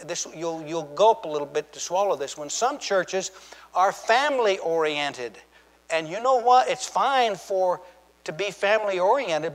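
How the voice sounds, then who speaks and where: Male pastor, folksy joking sermon delivery, slightly high voice, long church reverb. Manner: folksy, joking storyteller with repeated restarts.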